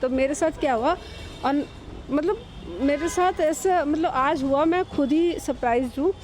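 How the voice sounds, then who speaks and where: A woman in her thirties shares a personal devotional testimony in a high voice. She talks in a chatty, halting way, full of fillers and restarts. Faint background noise runs under the recording. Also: darkish tone. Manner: chatty, hesitant, many fillers. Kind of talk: casual spoken testimony.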